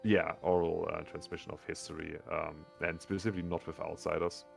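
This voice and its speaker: A man with a low, gravelly, sonorous voice running a tabletop game as game master, rambling with many fillers. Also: level tone, a little fast, faint music behind.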